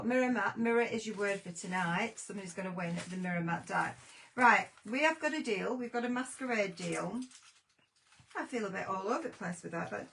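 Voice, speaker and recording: A woman chats on a live stream from home, her voice carrying a gravelly fry at a mid pitch. She sounds shaken and flustered, rambling warmly from one thought to the next. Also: a little hiss or hum, poor audio. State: shaken after a scare. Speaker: craft show host. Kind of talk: casual live-stream chat.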